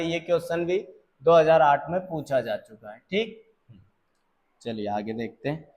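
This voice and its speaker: A man tutoring physics, slowly working through exam problems and checking that students follow. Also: fairly high pitch. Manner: calls students "beta", checks understanding; slow, deliberate explaining.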